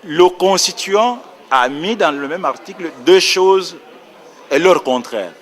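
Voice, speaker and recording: Speaking slowly in a high, expressive voice, a man on a nationality law panel lectures precisely on a legal point and corrects himself as he goes.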